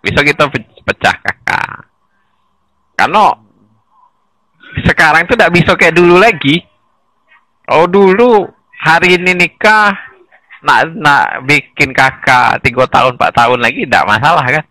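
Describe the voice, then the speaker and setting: A man with a bright, clear-edged voice explains things in a relaxed conversational way, often chuckling and restarting his sentences. He is recorded dry and close, with no room echo. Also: on the high side, a little slow, long pauses. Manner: animated, chuckles between points, restarts mid-sentence. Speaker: guest explaining village data administration.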